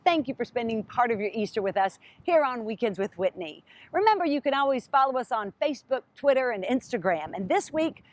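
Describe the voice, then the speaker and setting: A woman's voice: on the high side, lively intonation, fairly quick, faint music behind, low-quality recording. A woman hosting a TV show, chatting on a cooking segment and exclaiming over the food. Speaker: TV show host. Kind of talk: casual chat on a cooking segment.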